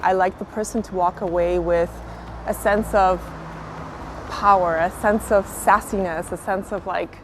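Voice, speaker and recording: A woman's voice: mid-range voice, fairly even intonation, unhurried, music in the background. A woman from Kazakhstan, an artist, talking reflectively about her work in an interview, with many "sort of" and "like" fillers. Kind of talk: interview monologue.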